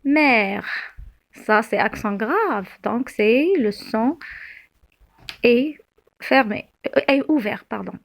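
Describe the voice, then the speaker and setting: A woman teacher, explaining spelling slowly, with frequent fillers and self-corrections. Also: fairly high pitch, expressive, vocal fry. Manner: slow, halting, many fillers and self-corrections. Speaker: French teacher. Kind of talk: spelling lesson.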